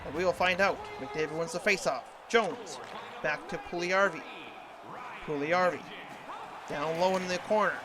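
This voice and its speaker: A man's voice: fairly high pitch, moderate pace, pauses often, over music. A man calling hockey play-by-play over a video game in the manner of a TV sports announcer. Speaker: sports commentator.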